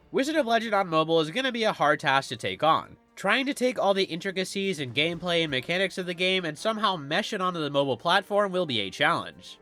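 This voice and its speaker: A man's voice: high voice, sharp tone. A man with a cold giving scripted video game commentary in a stuffy, nasal voice, as if pinching his nose.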